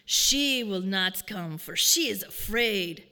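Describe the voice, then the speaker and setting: A woman's voice: medium pitch, expressive, slow, bright, forceful tone, in a large hall, full character voice. A woman quoting her elderly father, a defiant old man who is unafraid of death and makes proud, solemn declarations.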